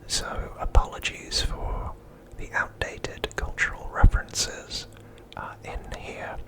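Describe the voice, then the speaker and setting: An ASMR creator gives spontaneous show-and-tell narration. It's whispered breathily and unvoiced, at a calm, hushed pace.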